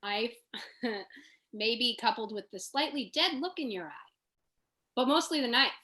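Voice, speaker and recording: A woman's voice: a little high, expressive, unhurried, bright, forceful tone. A woman acting an exasperated, clumsy young woman with incredulous outbursts. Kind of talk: audio drama acting.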